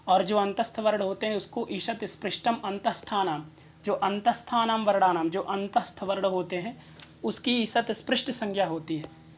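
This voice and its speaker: Casting: woman teacher, methodical and patient, talks through each exam answer, mid-pitched voice. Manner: methodical, checks in with rhetorical questions. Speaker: Sanskrit exam tutor.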